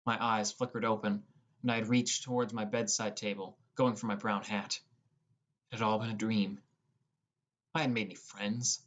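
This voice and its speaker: An audiobook narrator reads a first-person fantasy adventure from a script. The voice is medium in pitch, level in tone and moderately paced, with frequent pauses.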